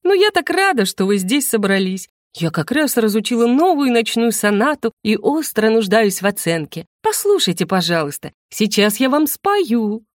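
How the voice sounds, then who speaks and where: A woman's voice: on the high side, sing-song, moderate pace, hardly any pauses, dry recording, clean studio sound. A woman voicing a cheeky, nosy ghost girl who drawls and mocks with theatrical flair. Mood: theatrical, pleading. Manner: mocking, drawling, theatrically plaintive.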